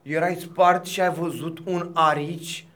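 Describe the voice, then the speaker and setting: A man's voice: on the high side, steady tone, fairly bright tone, natural voice. A man improvising a commanding, impatient young male student in a comedy sketch. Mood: bossy. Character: bossy young male student taking charge.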